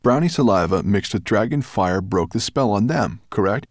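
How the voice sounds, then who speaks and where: A man voicing a calm, thoughtful male dragon who speaks steadily and earnestly. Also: fairly low pitch, normal speed, no room sound, studio quality.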